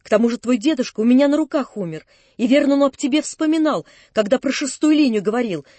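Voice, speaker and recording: A woman's voice: high-pitched, animated, fast, mellow, dry recording. A woman reading the part of an earnest, kindly young man who pleads urgently with someone. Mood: gentle pleading.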